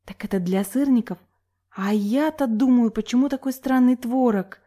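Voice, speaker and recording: A woman's voice: a little high, moderate pace, mellow, voice pushed up, lightly acted. A woman reading an audiobook, voicing a chatty, cheerful young woman roommate who pouts easily.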